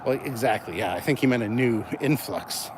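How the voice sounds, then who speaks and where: Brisk and mid-range in pitch, a Canadian man livestreams while walking outside, a bit short of breath. He chats with viewers in a loose, informal way, swearing freely and responding to the comments he reads out. Passing vehicles make the outdoor recording noisy.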